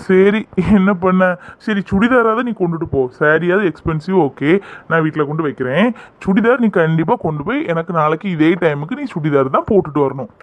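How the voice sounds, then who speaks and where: A man voicing a doting, gentle young village man in love, soothing and affectionate, in a cartoon. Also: on the high side, expressive, fairly quick, no room sound, lightly acted. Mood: coaxing. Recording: dry, tinny phone-like sound.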